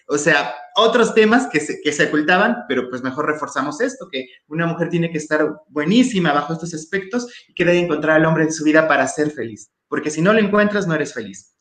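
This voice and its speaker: A man's voice: on the high side, expressive, moderate pace, hardly any pauses, a bit bright. A man with a Mexican accent, a guest in a casual chat, opinionated and critical, using local slang. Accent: Mexican Spanish. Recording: echoey room.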